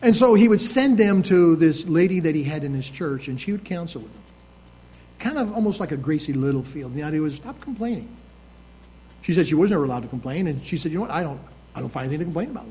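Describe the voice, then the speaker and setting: A man preaching a sermon as pastor, moving from slow, emphatic scripture readings to conversational asides with restarts. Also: fairly high pitch, animated, dark tone, rough recording.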